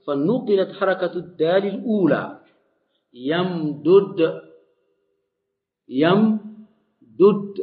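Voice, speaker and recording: Man teaching in slow deliberate explanation. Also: a little high. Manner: slow, repeats and restarts words while explaining. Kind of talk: Arabic grammar lesson. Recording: dull lo-fi audio recording.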